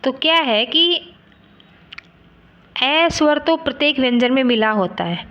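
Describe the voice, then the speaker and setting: Slow, patient woman teaching grammar. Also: sits high, highs cut off. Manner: slow, patient explaining, sounding out letters one by one. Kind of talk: grammar lesson.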